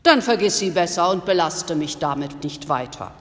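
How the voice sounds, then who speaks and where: A woman reading the lines of a wise old Greek philosopher who asks calm, probing questions. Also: lowish voice, moderate pace, big-room sound, close to an everyday voice. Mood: calm questioning.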